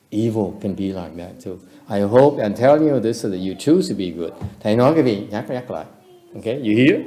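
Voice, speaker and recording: A man's voice: fairly low pitch, warm tone. A man giving a retreat dharma lecture in a temple hall, switching between English and Vietnamese and chuckling often. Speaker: meditation teacher.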